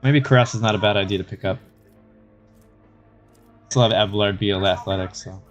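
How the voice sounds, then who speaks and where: A man's voice: fairly low pitch, normal speed, dull audio. A man streaming a game, chatting casually and thinking aloud in a hesitant way as he comments on play. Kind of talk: casual live stream chat and gameplay commentary. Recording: music behind the voice. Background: game music.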